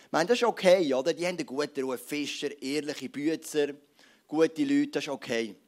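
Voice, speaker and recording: Man, Swiss German accent, preacher, chatty storytelling sermon, slightly high-pitched voice. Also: fairly quick. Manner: conversational, lively storytelling with rhetorical questions. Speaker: pastor.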